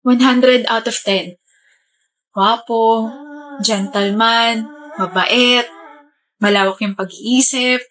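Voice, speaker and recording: A gossipy young woman, as a woman acts her out chats in an animated, slightly high voice in a comedy skit. She rattles on quickly and eagerly, full of chatter.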